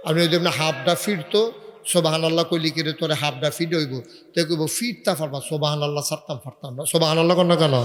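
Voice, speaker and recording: A preacher, chanting rising lines and quizzing the crowd over a PA microphone. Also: male voice, on the high side, noisy background. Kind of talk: sermon with call-and-response. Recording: echoey loudspeaker sound in a large hall.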